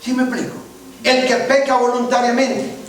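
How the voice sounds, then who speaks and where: A man's voice: extremely high pitch, flat delivery, normal speed. A man preaching a sermon as pastor, often checking that the congregation follows him. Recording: very echoey church from far off.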